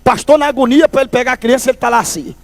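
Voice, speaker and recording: A man with a strikingly high voice gives a preached testimony before a congregation. He tells his story in a lively way and keeps calling the listeners "brother". The sound is close and dry, with no room echo. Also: very fast, gravelly. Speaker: church testimony speaker.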